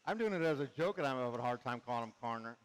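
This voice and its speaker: A man's voice: mid-range voice, animated, rapid-fire, clear, resonant tone, long reverb tail. A man running a club race, organizing marshals and giving casual live commentary, joking and calling out to drivers.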